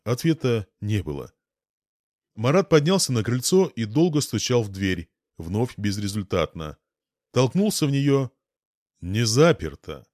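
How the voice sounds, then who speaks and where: A man's voice: on the low side, no room sound, studio quality. Man reading an audiobook with expression. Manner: expressive, acts out dialogue. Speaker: audiobook narrator. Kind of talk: audiobook narration.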